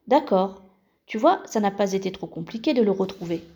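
A woman's voice: medium pitch, expressive, normal speed, dark tone, natural voice. A woman reading the lines of a cheerful, teasing schoolboy in a storybook. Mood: friendly. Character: teenage boy, cheerful and teasing friend.

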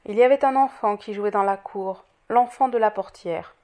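A woman narrating a classic novel in a measured, expressive audiobook reading. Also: medium pitch. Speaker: audiobook reader. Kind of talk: scripted narration.

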